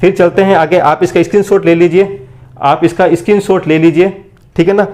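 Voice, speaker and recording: A man whose voice is fairly high and a bit dark teaches an exam-prep lesson, his writing audible in the background. Speaking a little fast in a steady tone, he asks the class each point and answers it himself, repeating questions and answers, and he keeps addressing everyone as friends.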